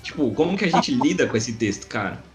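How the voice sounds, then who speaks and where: A Brazilian man teaches a Bible passage in casual chat, talking to his co-host like a friend. His voice sits at a middle pitch. Faint music plays quietly behind him. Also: very animated, fast talker. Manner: conversational, addresses partner as "cara". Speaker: Bible study podcast co-host.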